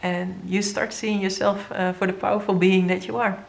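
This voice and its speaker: A woman with a Dutch first language giving an earnest, halting tarot reading to viewers, with many fillers and moments where she grows emotional. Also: medium pitch, level tone, vocal fry. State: emotional, near tears. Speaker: tarot reader.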